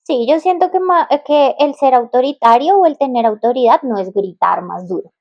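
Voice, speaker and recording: A woman co-hosting a casual podcast conversation, explaining calmly and often chiming in with agreeing fillers. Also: high-pitched, normal speed, dull audio. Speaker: podcast co-host.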